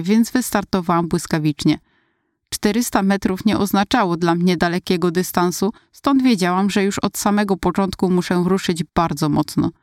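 A woman narrating a first-person story in a steady, inward-looking retelling. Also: fairly low pitch, no room sound, studio quality.

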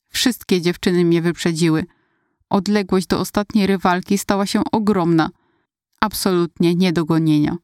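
A woman narrating a first-person story in a steady, inward-looking retelling. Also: medium pitch, clean tone, no echo, clean studio sound.

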